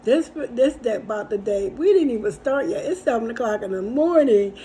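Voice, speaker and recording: A woman's voice: a little high, expressive, moderate pace, dark tone, slight background noise, poor audio. A middle-aged woman hosting a casual faith-based encouragement talk, speaking conversationally with repetitions and storytelling asides. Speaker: host and encourager.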